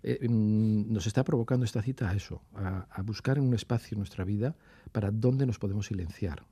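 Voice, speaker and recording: A man's voice: on the low side, a little fast, dark tone, slightly rough. A man, a regular guest on a radio show, talking in a thoughtful, hesitant way with many restarts. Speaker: radio regular contributor, music institute director. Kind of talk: casual radio chat. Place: radio studio.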